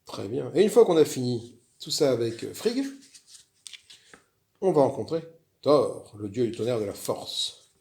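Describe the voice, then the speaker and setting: Casual male host, chatty and rambling, slightly gravelly voice. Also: medium pitch, big pitch swings, a little slow, pauses often, dark tone. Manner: chatty, rambling, frequent restarts and fillers. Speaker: board game video host. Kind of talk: casual solo game walkthrough.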